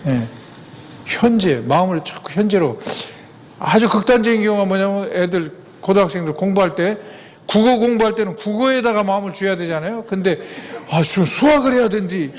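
A man's voice: sits high, brisk. An older man giving a humorous lecture, folksy and anecdotal, repeating words for emphasis. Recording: echoey hall, dull sound, faint ambience.

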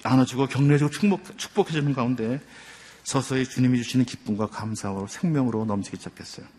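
An older man, a church elder, gives a heartfelt testimony, telling his story earnestly with many pauses. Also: medium pitch, a little mellow. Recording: long hall reverb.

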